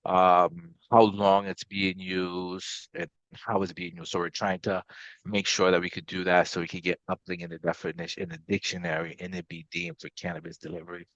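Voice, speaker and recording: Deep and a bit bright, this man's voice moves at a moderate pace with little change in pitch, and there's no echo. He is a Guyana-born company CEO, later based in Maryland, USA, casually explaining things in an interview, captured on slightly dull, lo-fi audio.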